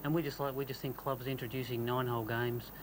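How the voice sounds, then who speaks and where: A man's voice: medium pitch, level tone, quick pace, noisy background. A man speaking as a sports executive in an informal broadcast interview. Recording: broadcast with clear background ambience.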